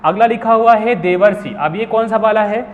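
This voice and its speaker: A young man with a high voice runs a grammar lesson, firing questions at the class and answering them himself. The sound is thin and phone-like, with a long hall echo and faint hiss behind it. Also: moderate pace. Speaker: Hindi grammar teacher.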